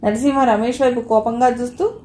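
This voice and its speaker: A woman reads a novel aloud in a steady storytelling voice. Her voice is fairly high yet mellow and warm. The recording sounds roomy, with a faint hiss behind it. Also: fairly quick. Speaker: audiobook narrator. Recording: roomy echo, faint noise.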